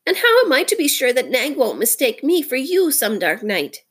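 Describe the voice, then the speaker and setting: A woman's voice: extremely high pitch, sing-song, normal speed, fairly bright tone, voice pushed up, exaggerated voice. A woman voicing a timid, sorrowful little male muskrat from a storybook, whimpering and pleading. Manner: weepy, pleading, sobbing.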